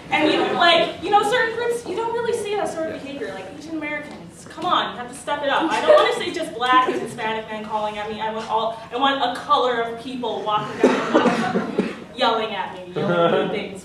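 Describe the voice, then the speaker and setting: A young woman doing a rambling, deadpan stand-up comedy set, full of fillers. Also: a little high, noisy background. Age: young adult. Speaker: stand-up comic. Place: comedy night on stage before a live audience. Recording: distant mic, echoey room, audience laughter.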